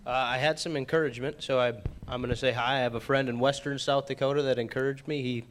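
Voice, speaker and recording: A man's voice: mid-range voice, fairly even intonation, fast talker, a little hiss or hum. A young man answering questions casually and politely in front of a group. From upper Midwest United States. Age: young adult. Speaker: auctioneer school student.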